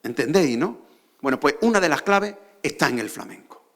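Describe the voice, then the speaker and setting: A man's voice: on the high side, lively intonation, normal speed, creaky, a bit bright. A man with an Andalusian accent giving a lecture on a theater stage, often posing rhetorical questions to the audience. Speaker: conference speaker.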